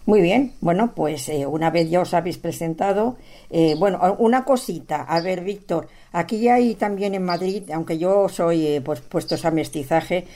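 Chatty woman from spain hosting, low mellow voice. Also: normal speed. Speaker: host. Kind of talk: radio interview.

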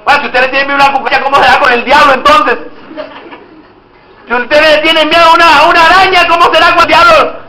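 A man's voice: very high voice, little pitch movement, fast, bright, forceful tone. A man preaching a sermon, calling out emphatic exhortations and leading the congregation in reading aloud together. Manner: leads the congregation in call-and-response and group reading. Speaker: pastor. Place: church service before a congregation. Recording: echoey church room.

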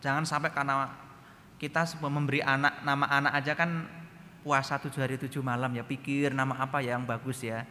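A man preaching a sermon in a lively, chatty storytelling way, often speaking straight to the congregation. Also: mid-range voice, a little fast. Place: church hall. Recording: reverberant hall, faint background noise.

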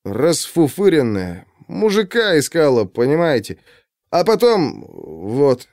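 A man's voice: a little high, huge pitch swings, a little mellow, no room sound, studio quality, heavily acted. A man playing a dazed young police lieutenant. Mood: shaken. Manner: halting, distracted.

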